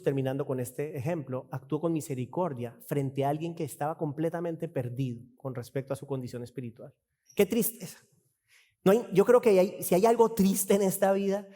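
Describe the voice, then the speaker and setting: A man's voice: fairly high pitch, mellow, in a large hall. A man preaching an expository sermon as pastor, asking rhetorical questions and acting out dialogue. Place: church.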